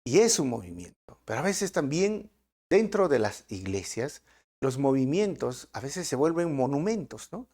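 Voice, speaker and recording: A man preaching a sermon with a Peruvian Spanish accent, his voice gravelly and rough at the edges. His pitch swings widely as he presses points home. He keeps asking the congregation rhetorical questions. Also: big pitch swings, normal speed, warm tone. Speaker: pastor. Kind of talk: verse-by-verse sermon.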